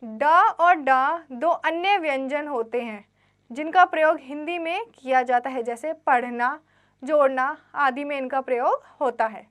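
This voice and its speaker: A high-voiced woman teacher gives children a grammar lesson, reading textbook lines and then re-explaining them simply. She asks quiz questions and answers them herself, and recites letters in a drawn-out way.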